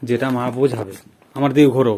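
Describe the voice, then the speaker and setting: A man playing a father in a family vlog, coaxing and gently lecturing his daughter. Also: medium pitch, quick pace, a little hiss or hum. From Bengal. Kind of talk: scripted family drama vlog.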